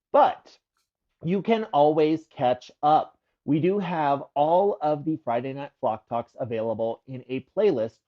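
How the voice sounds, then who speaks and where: Upbeat chatty man on a livestream. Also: mid-range voice. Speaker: livestream co-host. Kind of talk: casual livestream announcements. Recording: dull lo-fi livestream audio.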